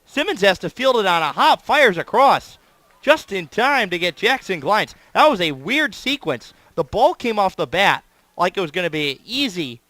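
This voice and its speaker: A man's voice: sits high, very animated, moderate pace, pushed and bright, no echo. A man doing live baseball play-by-play commentary as the announcer, in clipped phrases, stretching words on big plays.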